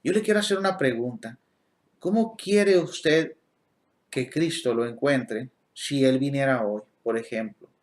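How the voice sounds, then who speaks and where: A man's voice: medium pitch, unhurried. A man giving a recorded Bible study lesson. He explains the meanings of Greek words, asks his listeners direct questions, and corrects himself as he goes. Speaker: Bible teacher.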